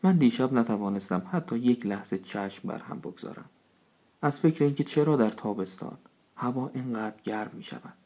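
A man's voice: medium pitch, warm tone, lightly acted. A man voicing a foolish, self-satisfied male village council head in a storybook reading, speaking in a proclaiming way.

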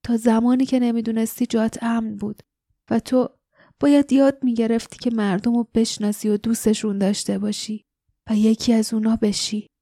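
A woman voicing a gentle dying father, soft and weak. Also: a little high, level tone, dry recording, clean studio sound. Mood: tender.

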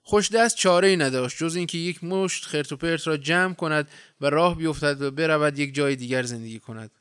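Man narrating a story in a smooth voice. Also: on the high side, a bit bright, no echo, clean studio sound. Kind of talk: audiobook narration.

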